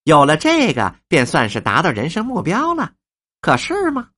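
A woman's voice: low voice, wildly swooping pitch, moderate pace, fairly bright tone, exaggerated voice. Woman voicing a scornful scolding wife. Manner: scornful lecturing. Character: fierce scolding older wife, sharp-tongued.

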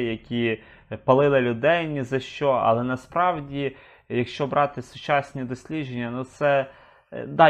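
A man in a conversation, building his points slowly with hesitant filler sounds. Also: mid-range voice. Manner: hesitant, many 'е' fillers while building arguments. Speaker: discussion partner. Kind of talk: conversational discussion.

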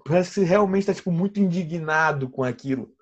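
A man's voice: a little high, fast talker. A young Brazilian man hosting a casual podcast, talking as an eager, slangy fan with lots of fillers.

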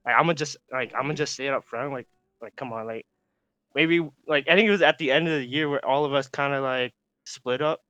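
Guesting on a podcast, a Canadian guy in his late teens rambles casually in slang, leaning heavily on "like" and "bro." He speaks fairly quickly at a medium pitch, with a bright, forceful tone. The sound is lo-fi and has no room sound.

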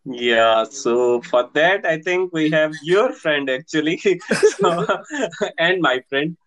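A man with a Pakistani accent co-hosting a casual podcast, speaking in a hesitant, halting way. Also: fairly high pitch, expressive, a bit bright. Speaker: podcast co-host.

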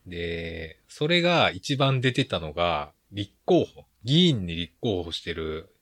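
A man's voice: low voice, big pitch swings, takes it slowly, a bit bright. A man with a Kansai Japanese accent giving a casual solo film review, talking bluntly in rambling, grumbling colloquial asides.

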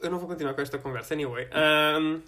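A man's voice: fairly high pitch, fast, bright, forceful tone. Young Portuguese man, blunt and slangy. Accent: European Portuguese. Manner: blunt, slangy, peppered with English words. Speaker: podcast co-host. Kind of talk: casual chat with slang.

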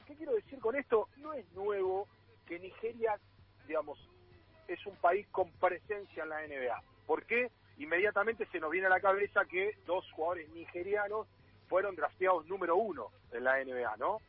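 Raspy, lively Argentine man on a phone line. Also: sits high, normal speed, soft background music. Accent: Argentine Spanish. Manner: explanatory, with many fillers and restarts. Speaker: radio sports columnist. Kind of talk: radio panel talk.

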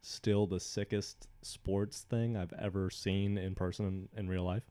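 A young man in casual chat, telling a story with energy and acting out the shouts. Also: deep voice, measured pace, clear, resonant tone. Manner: animated storyteller, acts out shouts.

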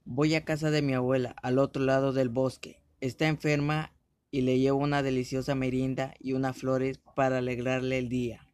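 A man voicing an eager, polite little girl in a read-aloud fairy tale, with a slightly raised pitch. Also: level tone, moderate pace, darkish tone, smooth, no echo, close to an everyday voice. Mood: cheerful.

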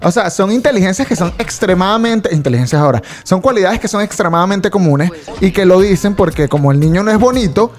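Young Venezuelan man, slangy comedy chat, fairly high voice. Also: expressive, fast talker, hardly any pauses. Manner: teasing, slangy, laughs often. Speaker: podcast co-host.

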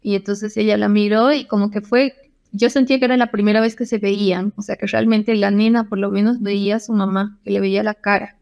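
Gravelly-voiced woman telling clinic stories. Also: medium pitch, steady tone, a little fast, a little mellow, dull audio. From Bolivia. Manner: anecdotal, with many fillers and quoted dialogue. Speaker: ophthalmologist guest. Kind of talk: casual storytelling interview.

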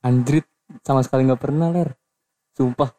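A man, a podcast guest in casual chat who drops deadpan jokes in slang. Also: medium pitch, moderate pace. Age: 20s.

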